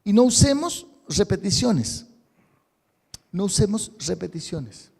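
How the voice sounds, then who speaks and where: A male pastor giving an animated sermon, acting out sample prayers and checking in with the congregation. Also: sits high, takes it slowly, vocal fry, husky. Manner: animated, acts out sample prayers, asks "¿sí?" often. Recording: reverberant hall.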